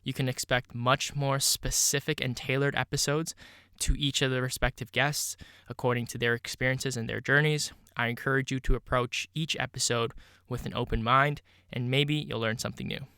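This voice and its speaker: A young man in his early twenties hosts a solo podcast with a stuffy, congested nose. His voice is bright and crisp, and it sits close and dry on the mic. He talks casually and thoughtfully, dropping plenty of "you know" as he goes. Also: mid-range voice, no room sound. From Canada. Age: 20s. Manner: casual, reflective, many "you know" fillers. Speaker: podcast host.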